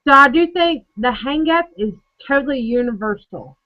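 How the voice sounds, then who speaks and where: A woman with a high voice co-hosts a casual drinking chat, telling her stories in a profane, animated way. The recording is dull and lo-fi. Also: normal speed. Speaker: podcast co-host.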